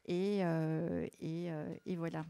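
A woman's voice: fairly low pitch, steady tone, mellow, no echo. Hesitant woman presenting records. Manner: hesitant, halting, many fillers and restarts. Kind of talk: casual spoken presentation of vinyl records.

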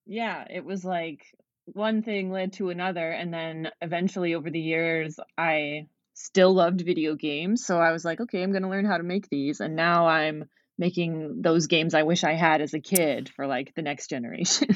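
A woman's voice: low voice, steady tone, normal speed, dry recording, lo-fi sound. A young woman from Kanehsatake, chatting casually as an interview guest and laughing often, with many "like" fillers. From Kanehsatake, Quebec, Canada. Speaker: guest, game developer.

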